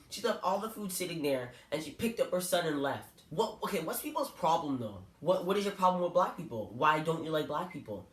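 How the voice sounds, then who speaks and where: A man's voice: on the high side, a bit bright. A young man from Canada telling personal stories to camera in an earnest, hurt, candid way. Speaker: vlogger. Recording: echoey room.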